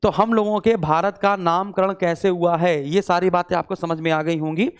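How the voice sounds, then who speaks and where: A man's voice: sits high, fairly even intonation, moderate pace, clean tone. A male teacher giving an online exam-prep lecture, repeating each point and asking his students questions, mixing English words into his speech. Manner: repetitive call-and-response questioning.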